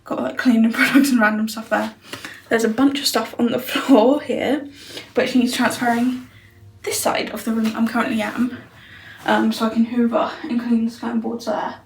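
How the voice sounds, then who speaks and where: Gravelly young woman rambling in a bedroom. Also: a little high, level tone, normal speed, roomy sound, slight background noise, rough recording. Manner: rambling, filler-heavy, thinking aloud. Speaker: vlogger. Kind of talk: casual vlog chat. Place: bedroom indoors.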